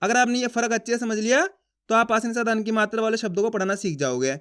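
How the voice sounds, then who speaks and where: A man teaching a reading lesson, asking himself questions and answering them, sounding out syllables slowly. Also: sits high, a bit bright, clean tone. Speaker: Hindi teacher.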